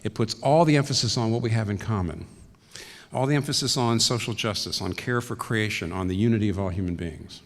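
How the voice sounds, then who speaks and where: Low-voiced pastor in an echoey hall. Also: male voice, fairly quick. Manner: reflective, clears throat now and then. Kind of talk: teaching talk.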